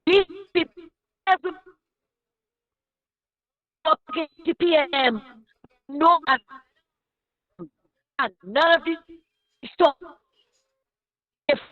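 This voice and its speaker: A woman with a high voice reports over a remote call line that keeps breaking up. Her sentences come through in pieces, with words cutting out. The line sounds dull and distant, and she speaks slowly. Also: no echo. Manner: fragmented, words dropping out mid-sentence. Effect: breaking-up call line, audio cutting in and out. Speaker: phone-in correspondent.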